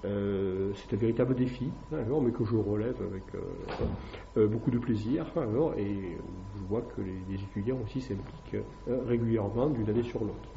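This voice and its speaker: A French-speaking classics teacher gives a public talk to an evening audience, hesitating often and filling gaps with fillers and tag questions. His mellow voice sits fairly low and moves at a fairly quick pace. The echoey, dull room adds slight background noise.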